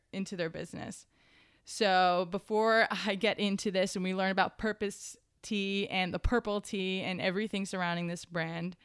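This woman, a podcast host, speaks on the low side with a clean tone, recorded dry with clean studio sound. She introduces her guest and asks questions in an upbeat, enthusiastic way.

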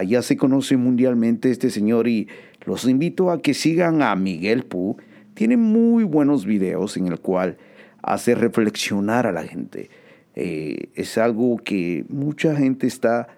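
A man's voice: on the low side, gravelly, warm tone. A man hosting a joking casual monologue, laughing often and dropping slang and English words. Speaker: host.

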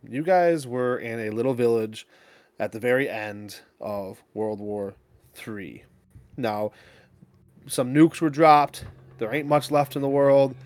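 A man's voice: mid-range voice, a little mellow. A man running a tabletop game, explaining the setting in a casual, rambling way with fillers. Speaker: game master.

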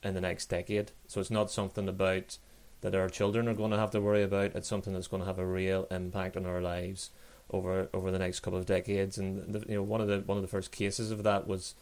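Deep flat-voiced earnest man. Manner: earnest, halting with restarts. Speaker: podcast guest. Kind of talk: discussion.

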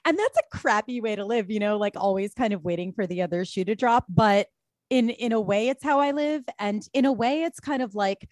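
A woman in her forties, a podcast guest telling personal stories in an animated way, swearing freely and laughing often. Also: mid-range voice, brisk, dry recording, studio quality. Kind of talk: candid conversational interview.

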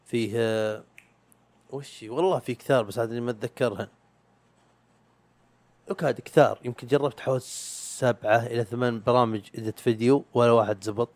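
A man's voice: fairly low pitch, a little mellow, no room sound. A young man, chatting casually as a podcaster in a rambling, self-mocking way, with slang and swearing. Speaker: YouTube podcaster. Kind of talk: casual chat.

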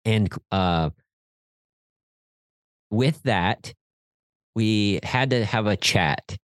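A man's voice: fairly low pitch, extremely slow, dry recording. A middle-aged man, a podcast co-host chatting casually in an encouraging way. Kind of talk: casual chat.

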